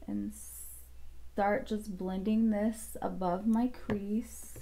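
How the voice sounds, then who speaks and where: In a warm, steady, medium-pitched voice, she takes things very slowly. The speaker is a thirty-something beauty vlogger doing a makeup tutorial at home, chatting casually, wandering off track and filling gaps with fillers.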